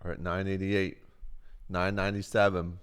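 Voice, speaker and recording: A man's voice: low-pitched, level tone, moderate pace, clean tone. A man casually chatting on his livestream, reading chat questions aloud and telling stories, swearing freely. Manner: laid-back, swears a lot, reads chat questions aloud.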